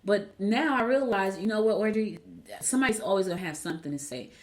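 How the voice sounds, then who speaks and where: A woman's voice: medium pitch, quick pace. A middle-aged woman hosting a motivational solo podcast, speaking candidly with repeated phrases for emphasis, her words slightly slurred and stumbling from braces. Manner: talks with braces, stumbling over words at times. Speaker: podcast host.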